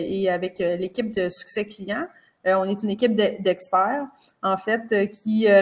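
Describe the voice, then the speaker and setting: A woman, a customer success director, introducing herself on a webinar with frequent fillers. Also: medium pitch. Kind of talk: webinar presentation.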